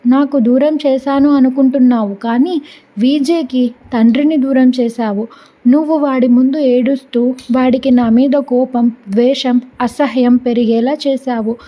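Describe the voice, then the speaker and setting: Woman reading husband's lines, stubborn, pleading, scolding, high-pitched. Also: dull audio. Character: stubborn possessive husband, middle-aged man.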